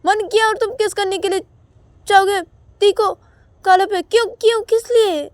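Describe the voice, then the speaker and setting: Woman doing a sharp, sulking young partner. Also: on the high side, expressive, normal speed, no room sound, voice pushed up, close to an everyday voice. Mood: upset. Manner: sharp, demanding, repeating questions.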